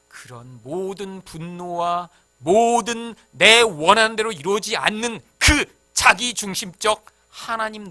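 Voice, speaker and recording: A man preaching a sermon as pastor, in a conversational and animated way, with sudden loud outbursts. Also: on the high side.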